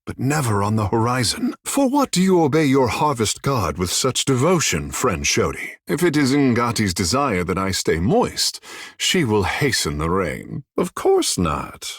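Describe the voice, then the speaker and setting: Tekēhu, theatrical swooping sea-folk godlike. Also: male voice, mid-range voice, huge pitch swings, a little slow, slightly rough, no room sound, studio quality, exaggerated voice. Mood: lofty, playful. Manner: languid, flirtatious, grandiose, formal phrasing. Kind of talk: fantasy video game character dialogue.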